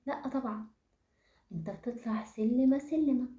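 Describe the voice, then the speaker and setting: Woman, Egyptian accent, motivational talk, rhetorical questions, mellow voice, roomy echo. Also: on the high side, moderate pace. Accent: Egyptian Arabic. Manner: asks the listeners rhetorical questions; addresses the audience directly. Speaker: self-awareness speaker.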